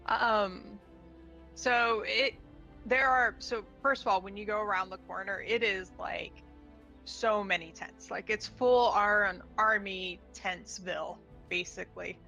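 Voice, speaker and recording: Gravelly bright-voiced woman game master. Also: mid-range voice, fairly even intonation, a little slow, muffled recording, soft background music. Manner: rambling, with many fillers and restarts. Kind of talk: narrating a tabletop game.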